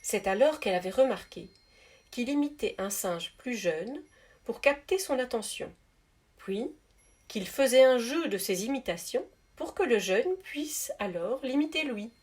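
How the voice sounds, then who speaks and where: A woman reading a spiritual story aloud in a soft, measured, gentle narrating voice. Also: a little high, animated, slightly rough. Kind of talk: calm read-aloud storytelling.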